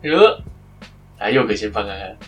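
A man's voice: medium pitch, expressive, fast, a bit bright, faint music behind. A man with a Taiwanese Mandarin accent chatting casually as a podcast co-host playing a game. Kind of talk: casual chat.

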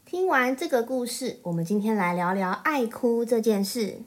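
A woman's voice: on the high side, expressive, moderate pace, music in the background. A woman co-hosting a children's programme, explaining parenting matters conversationally. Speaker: co-host. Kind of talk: parenting chat.

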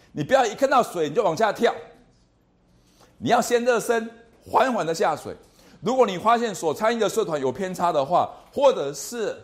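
A man lecturing to a university class in a lively, animated way, often repeating words and asking the class questions. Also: fairly high pitch. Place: lecture hall.

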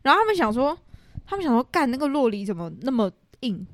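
A woman's voice: high voice, sing-song, fast. A young woman with a Taiwanese Mandarin accent, co-hosting a podcast and telling stories in casual chat, full of fillers and laughter. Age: young adult. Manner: storytelling with lots of fillers and laughter. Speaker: podcast co-host.

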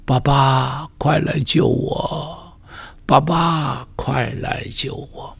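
A man's voice: high voice, very animated, unhurried, pitched above the performer's own voice, heavily acted. A man voicing a desperate young man sold by his brothers, pleading in shaky, half-whispered cries. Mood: weeping. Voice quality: gravelly, husky.

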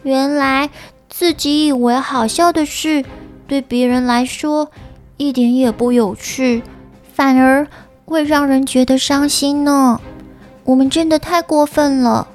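A woman's voice: high-pitched, steady tone, unhurried, soft background music. A woman voicing an earnest, polite little fairy girl in a children's storybook, with a tiny, sweet, childlike delivery. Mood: remorseful. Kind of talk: children's audio storybook acting.

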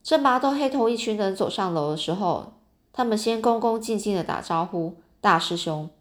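A woman's voice: mid-range voice, animated, fairly quick. A woman reading a children's fantasy novel aloud in a casual, chatty way with little asides. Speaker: storyteller.

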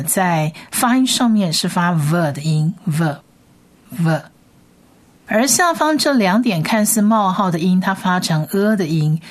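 A woman teacher leading a Bible Hebrew reading lesson, slowly and patiently sounding out each letter. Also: medium pitch. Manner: slow, patient spelling-out of sounds.

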